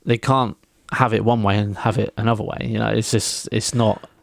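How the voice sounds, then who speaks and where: Young man, wrestling co-host, gravelly and exasperated, recorded dry and close. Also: on the low side, steady tone, moderate pace, no echo. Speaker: podcast co-host. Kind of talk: casual wrestling chat.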